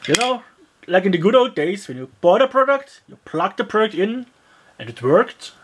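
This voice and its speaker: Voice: medium pitch, sing-song, moderate pace, a little hiss or hum. A person taking apart and reviewing a cheap gadget in casual, rambling commentary, full of fillers and grumbling asides. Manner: frequent fillers like yeah and uh. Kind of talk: casual product teardown commentary.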